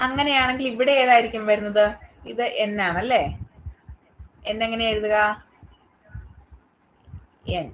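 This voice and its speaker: A woman with a Malayali accent teaching English online, with a bright, ringing voice pitched a little high. She keeps firing questions at her class to check they follow. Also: steady tone, a little slow, pauses often, highs cut off. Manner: asks the class many quiz questions, checking understanding.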